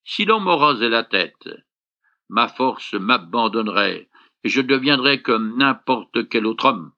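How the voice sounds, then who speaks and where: A man voicing a proud strong man who answers in a steady, declaring tone. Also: medium pitch, takes it slowly, highs cut off, full character voice.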